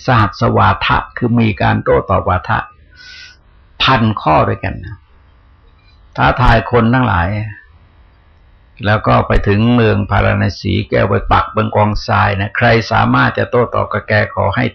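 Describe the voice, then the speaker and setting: An older man, a Buddhist monk, giving a dharma talk in a conversational teaching manner with soft tag particles. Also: on the low side, steady tone, a little slow. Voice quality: gravelly, husky. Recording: dull lo-fi recording.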